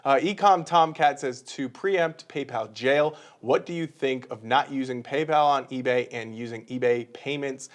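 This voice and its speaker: A man's voice: medium pitch, moderate pace, hardly any pauses. A man hosting a live stream who reads viewer questions aloud, laughs often, and explains business steps in a teaching tone. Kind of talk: casual live-stream chat, reading out viewer comments.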